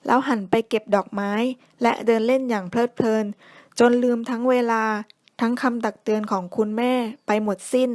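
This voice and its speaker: A woman narrating a children's bedtime story in a clear, expressive reading voice. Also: on the high side, brisk, dry recording, clean studio sound. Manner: clear, expressive read-aloud.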